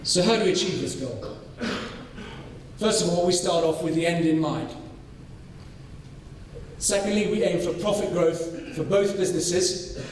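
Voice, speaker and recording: A man from North Wales, giving a conference presentation on his farming study, measured and full of ums and restarts. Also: high voice, slight background noise. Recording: echoey hall, voice from far off.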